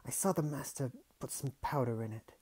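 A man's voice: mid-range voice, brisk, darkish tone, husky, close to an everyday voice. A man voicing a bold, defiant young girl who speaks urgently and pleads in a storybook reading. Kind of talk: audiobook character voice.

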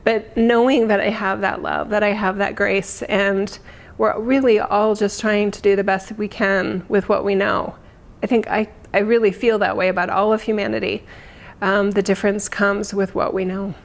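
Woman spiritual guide just talking, reflective, mid pitch, kinda halting and off the cuff. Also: flat delivery. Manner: conversational, reflective, halting unscripted phrasing. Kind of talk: informal spiritual talk.

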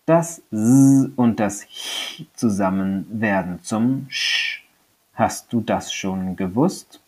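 A man teaching a remote primary school lesson, gently addressing a young child after a read-aloud story. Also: on the low side, slow pace.

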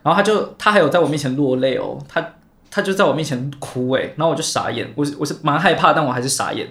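On a chat podcast, a young male co-host tells a long personal story in a rambling way, full of restarts and repeated words. His voice sits on the high side, moves at a quick pace and has a fairly bright tone.

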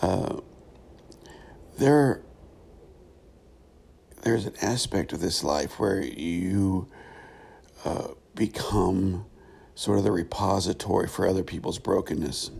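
A middle-aged man with a gravelly voice giving a reflective solo podcast monologue, thoughtful and halting, with frequent pauses. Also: deep voice, a little mellow. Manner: thoughtful, halting, pausing often. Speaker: podcast host, former pastor.

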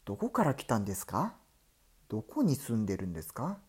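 A man's voice: fairly low pitch, wildly swooping pitch, a little fast, darkish tone, husky, full character voice. A man playing a curious, wary shopkeeper in a spoken Japanese folk tale. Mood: questioning.

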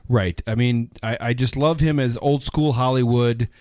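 Man in his fifties, podcast host, rambling enthusiastic movie chat, middle-pitched voice, dry close sound. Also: fairly even intonation, moderate pace, a little mellow, no echo. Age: 50s.

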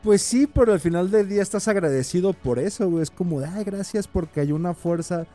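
A man's voice: high-pitched, a little fast, warm tone, faint music behind. Profane Mexican man mock-ranting. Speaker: podcast host. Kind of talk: crude joking banter.

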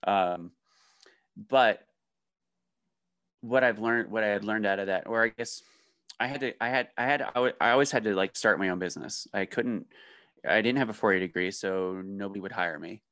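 A man's voice: on the low side, normal speed, long pauses, fairly bright tone, no room sound. A man, a business owner, telling his story candidly in an interview, with joking asides. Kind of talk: casual interview.

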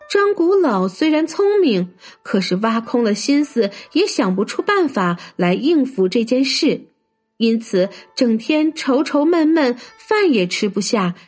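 A woman telling a traditional folk tale as a children's storyteller, in an expressive, lively way. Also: fairly high pitch. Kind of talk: storybook narration.

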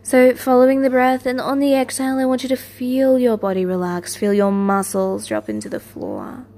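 A woman leading a guided meditation as its teacher, in a gentle, soothing, lulling manner with repeated soft instructions. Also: a little high, normal speed.

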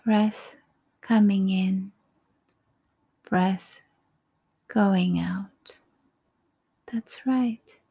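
A woman leading a guided breathing meditation in a soft, breathy, calm voice, with unhurried short phrases and pauses. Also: mid-range voice. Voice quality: soft, breathy, often near a whisper.

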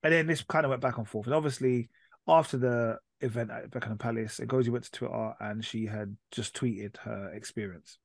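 A man's voice: mid-range voice, steady tone, a little fast, no echo, clean studio sound. A man hosting a podcast discussion, insistent and pressing his point. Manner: insistent, keeps cutting back in.

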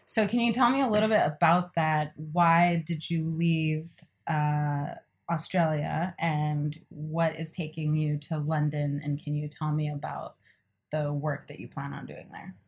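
A woman's voice: sits low, fairly even intonation, a little slow. A young woman hosting a podcast interview, chatty and upbeat, with a loose, rambling delivery. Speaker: podcast host. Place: indoor room in Bali.

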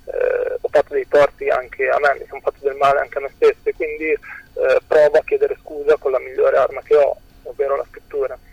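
Young man on a phone line, gravelly. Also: medium pitch, flat delivery, darkish tone, no echo. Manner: hesitant, many drawn-out fillers. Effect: over the phone. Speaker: musician guest. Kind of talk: interview answers by phone.

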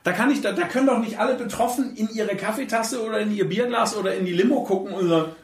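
A man's voice: high-pitched, fast talker, recorded from a distance. A man hosting a podcast, talking in a casual, emphatic and blunt way. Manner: animated, emphatic, with blunt colloquial remarks. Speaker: podcast host. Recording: echoey room, set back from the mic.

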